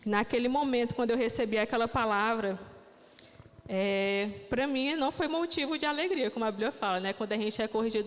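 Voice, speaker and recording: A young woman giving a reflective testimony sermon at a youth church service, with frequent questioning tags. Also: a little high. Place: church hall. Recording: long church hall reverb.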